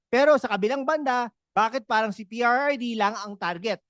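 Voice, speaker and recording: Animated woman hosting commentary. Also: on the high side, fairly quick, no echo, studio quality. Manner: animated, tags lines with "ha" and "no"; mixes Tagalog and English phrases. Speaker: host of a political commentary channel. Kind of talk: lively political commentary.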